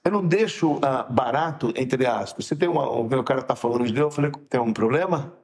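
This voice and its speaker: A man, a rabbi co-hosting a podcast, telling stories in a lively way and acting out the dialogue with sudden high shouts. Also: fairly quick. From Brazil. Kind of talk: casual podcast chat.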